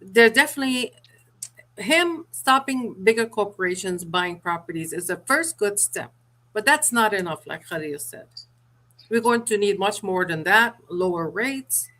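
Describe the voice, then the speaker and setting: A woman's voice: mid-range voice, animated, unhurried, bright, forceful tone. A middle-aged woman from Sierra Leone, an author and mortgage broker, answering interview questions in a businesslike way with small restarts.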